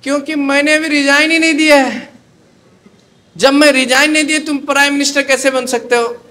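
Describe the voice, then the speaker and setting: A man voicing a quarrelsome male mental patient who scolds loudly, in a story told during a sermon. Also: very high-pitched, steady tone, brisk, a little hiss or hum, pitched above the performer's own voice. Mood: indignant. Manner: loud, scolding.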